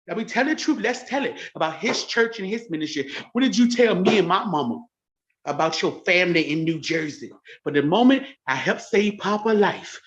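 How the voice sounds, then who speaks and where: A woman's voice: mid-range voice, highs cut off. A woman in her forties talking straight to camera in a confrontational rant, taunting and repeating herself. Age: 40s. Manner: taunting, repetitive, boastful. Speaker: church livestream host.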